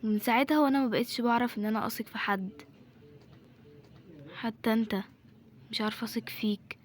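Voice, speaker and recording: A woman with an Egyptian accent voicing a hurt, distrustful young woman who confides quietly in an amateur home drama. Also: a little high, a little fast, natural voice. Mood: sad.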